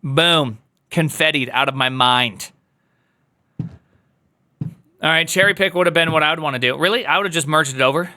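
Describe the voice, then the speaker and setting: Bright-voiced man teaching code with jokes. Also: moderate pace, long pauses. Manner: playful, joking asides to chat, jumps high when teasing. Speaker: coding instructor. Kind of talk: live coding walkthrough.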